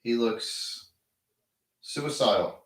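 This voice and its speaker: A man's voice: medium pitch, extremely slow, fairly bright tone, distant mic. Middle-aged man, dry remarks, off-mic. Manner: dry, matter-of-fact remarks, chides his co-host. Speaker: co-commentating father. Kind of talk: casual live match commentary. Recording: roomy sound from away from the mic.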